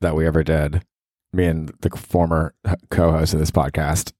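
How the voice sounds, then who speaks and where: A man's voice: rumbling low, flat delivery, normal speed, darkish tone, no echo, studio quality. An American man hosting a solo comedy podcast in casual chat, profane, rambling and self-mocking. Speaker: podcast host.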